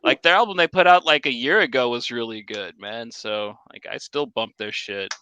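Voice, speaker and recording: A man's voice: mid-range voice, moderate pace, pushed and bright, slight background noise. A man co-hosting a casual podcast, laid-back and slangy, laughing often. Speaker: podcast co-host. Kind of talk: casual chat.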